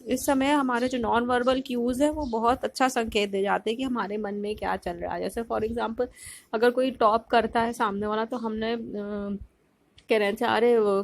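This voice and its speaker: A woman with a somewhat high voice gives a recorded lecture to her students. She explains each point step by step, pausing often with fillers and mixing English terms into her speech. It sounds like a simple phone recording. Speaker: teacher.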